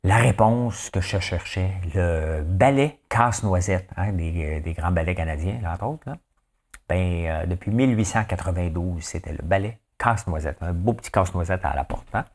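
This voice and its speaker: A man with a Québécois accent hosting a live show, chatting casually with viewers in an animated way and often checking in with them. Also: sits low, normal speed. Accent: Québécois French. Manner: animated, chatty, keeps asking "hein?".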